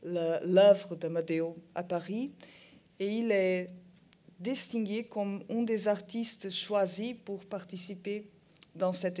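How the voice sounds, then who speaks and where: A woman reads a formal lecture in a soft-toned, relaxed voice. Her French carries a foreign Portuguese accent and moves slowly, with stumbles on longer words. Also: fairly low pitch. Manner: halting, non-native French with stumbles on words. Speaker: museum programme director giving a lecture. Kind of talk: prepared lecture, read aloud.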